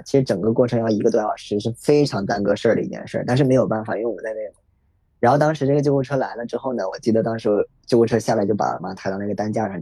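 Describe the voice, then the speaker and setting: Quick-talking man telling a hard memory. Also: mid-range voice, mellow, husky, no room sound. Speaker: podcast guest sharing a personal story. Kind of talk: emotional personal storytelling.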